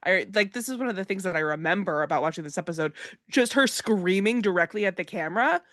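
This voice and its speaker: Female guest, enthusiastic, very expressive pitch, dry close-miked voice. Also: quick pace, no room sound. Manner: animated, enthusiastic. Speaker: podcast guest. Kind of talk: casual podcast discussion.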